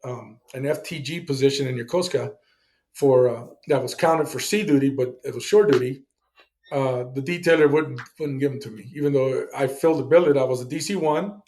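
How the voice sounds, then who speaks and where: A man's voice: mid-range voice, fairly quick, a little mellow. A middle-aged man, a Navy veteran guest, telling his service story in a blunt, casual way, with swearing and acted-out dialogue.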